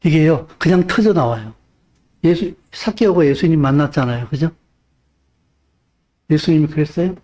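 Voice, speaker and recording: A pastor delivers a sermon, pushing his congregation with rhetorical questions as he moves between loud exhortation and hushed tones. His voice leans high, his speed is normal, and he pauses often.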